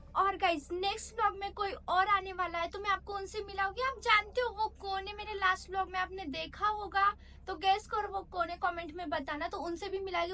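A young woman from India talking to her phone camera in a chatty, playful, self-mocking way, loud and fast while walking through a market. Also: very high voice. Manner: talks loud and fast over traffic in the market. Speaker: vlogger. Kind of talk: casual travel vlog. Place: outdoor market street. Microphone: handheld phone camera. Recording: traffic noise behind.

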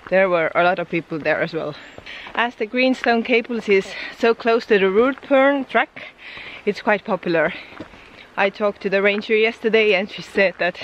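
Out on a mountain trail, a woman of medium pitch talks at a normal speed in a casual hiking vlog, chatting to camera. Easygoing and chatty, she laughs often between comments; the sound is lo-fi with a little hiss or hum.

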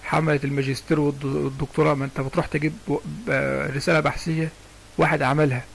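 A man with an Egyptian Arabic accent teaches Quran recitation in a loose, chatty way. His voice is gravelly and sits a little high, and he talks quickly and keeps checking that the listener follows. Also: little pitch movement, poor audio. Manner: chatty, digressive, often asks "understand me?". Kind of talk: casual spoken lesson with sung recitation examples.

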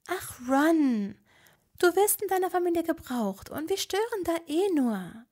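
A woman's voice: very high-pitched, very animated, a little slow, a little mellow, voice pushed up, full character voice. A woman voicing an earnest, clever young witch in a fan audio drama. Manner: earnest, explaining, easily indignant.

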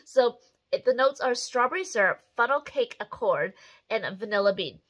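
A woman's voice: fairly high pitch, moderate pace. A woman chats casually and expressively to the camera in a small room at home. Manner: chatty, expressive. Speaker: host of a candle review video, mother.

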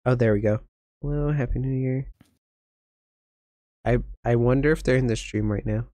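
A man's voice: medium pitch, moderate pace, dark tone, dry recording. Flustered young man streaming a game. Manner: flustered, rambling, lots of ums and restarts. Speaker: gaming streamer. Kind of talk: casual live-stream chat.

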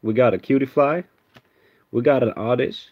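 In an indoor room with a card display, a Swedish streamer with a slightly American-tinged Swedish accent opens cards live, casually greeting viewers and naming each card. His mid-range voice, at normal speed, has a breathy edge, and the recording is muffled.

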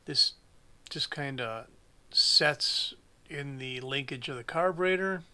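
A forties-aged small engine mechanic talks through a chainsaw repair at his workshop bench, thinking aloud as he goes with plain speech and dry humor. His medium-pitched voice moves slowly and sounds clear and resonant, with a sharp edge.

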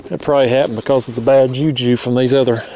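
This young fishing vlogger speaks with a Southern American accent, his mid-range voice warm and fast with fairly even intonation. At night on a riverbank he chats folksily, calls his viewers "y'all," and chuckles often. The action camera set on the bank picks up a little hiss or hum.

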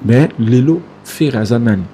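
A man talking as a guest in an interview. He gets animated, repeats himself and trails off. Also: medium pitch, moderate pace, slight background noise. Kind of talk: casual interview talk.

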